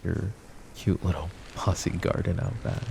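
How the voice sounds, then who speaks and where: Using an exaggerated voice that sits low, a man speaks at a measured pace with fairly even intonation as a possessive mafia boss in an audio drama roleplay. He flirts with the listener silkily, smooth and courteous, with a teasing undercurrent of menace.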